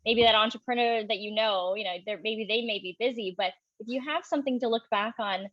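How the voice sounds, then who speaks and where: A woman's voice: a little high, a little fast, highs cut off, very noisy. A young adult woman moderating an interview, supportive and rambling with many fillers. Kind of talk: casual conversational interview.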